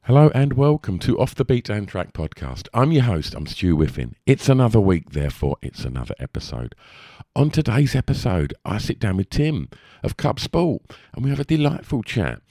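Male podcast host, low register, Essex twang, lispy, chatty and rambling, close dry recording. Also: big pitch swings, normal speed, hardly any pauses, mellow, no room sound. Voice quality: lisp. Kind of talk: casual podcast introduction.

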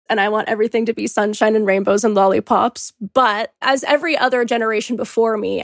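Quick, gravelly woman in her twenties. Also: mid-range voice, no room sound, studio quality. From Canada. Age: 20s. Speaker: interview guest. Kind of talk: casual interview answers.

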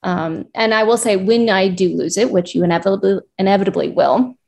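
A clinician from the United States appears as a guest in a conversational interview, offering earnest advice. Her medium-pitched voice is brisk, a little mellow, with vocal fry, and she builds her points as lists.

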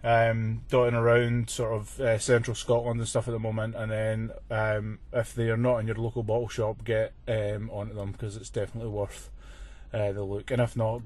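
A man's voice: mid-range voice, darkish tone. A man hosting a podcast, reviewing beer in an informal, chatty way.

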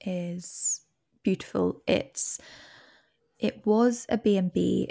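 A woman's voice: on the low side, creaky, mellow, no echo, studio quality. A woman from Devon, a travel journalist, chatting casually on a podcast with enthusiastic, wry asides. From Devon, England.

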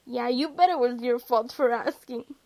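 A prickly young man snaps back and teases his friends, as a woman reads him aloud. His voice is loud, sarcastic and a little gravelly. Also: on the high side, normal speed, close to an everyday voice, poor audio. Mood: defensive. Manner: loud, snippy, teasing.

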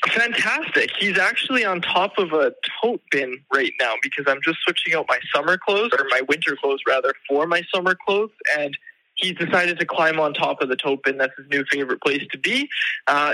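A man's voice: fairly high pitch, normal speed, bright, forceful tone, no room sound, low-quality recording. A man heard over a speakerphone call as an impromptu podcast guest, bantering casually and riffing jokes.

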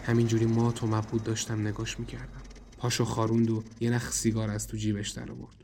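A man's voice: lowish voice, monotone, creaky, noisy background. A man narrating a horror audio drama in the first person and speaking his own character's lines in a tense, wary way. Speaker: narrator and writer.

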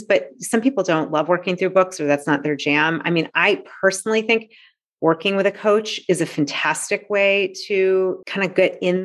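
A woman in her forties speaks with a fairly low voice. She talks earnestly and reflectively as a coach in a casual interview, sprinkling in fillers as she goes. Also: gravelly. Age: 40s. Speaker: coach and author.

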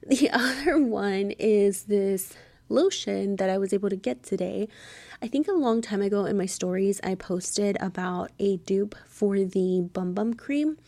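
A woman in her twenties hosting a casual solo podcast, chatty and informal, speaking softly and close, right in the listener's ear. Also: mid-range voice, measured pace, no echo. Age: 20s. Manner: chatty, informal, filler-heavy. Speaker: podcast host.

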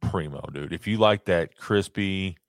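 Low-voiced man, casual podcast host. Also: measured pace, dry recording, clean studio sound. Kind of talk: casual chat.

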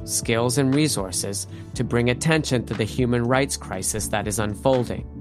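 A man hosts a podcast, reading a scripted introduction in a measured, formal tone. His voice sits at an ordinary pitch, with a clear music bed running underneath. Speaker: podcast host.

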